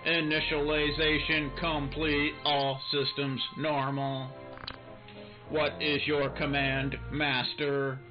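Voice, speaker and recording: A man doing a slow, stiff robot servant. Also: on the high side, flat delivery, muffled recording, music in the background. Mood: mechanical. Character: stiff male robot servant, ancient and obedient. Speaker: let's play gamer reading dialogue aloud.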